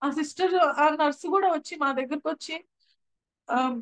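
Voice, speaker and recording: A woman's voice: sits high, normal speed, fairly bright tone, no echo, rough recording. A young woman giving an earnest personal testimony at a prayer house, often repeating and restarting her phrases. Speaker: church testimony speaker.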